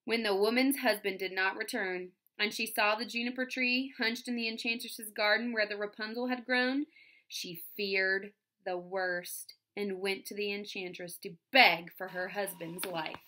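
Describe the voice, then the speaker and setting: A woman's voice: medium pitch, fairly even intonation, a little slow, pushed and bright. A woman teacher reading a fairy tale aloud to young children, stopping to explain words and ask the class questions. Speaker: first-grade teacher.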